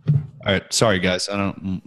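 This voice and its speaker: A man answering questions as a guest expert over a remote conference call line that keeps breaking up, explaining steadily with frequent pauses and "um"s. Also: sits low, level tone, a bit bright. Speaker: sales tax software guest expert.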